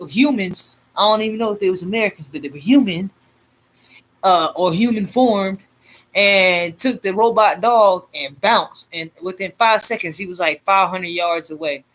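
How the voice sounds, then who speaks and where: A man's voice: high voice, fairly bright tone. A man hosting his own channel, talking in a loose, slangy, rambling monologue full of fillers and restarts. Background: faint homemade beat playing.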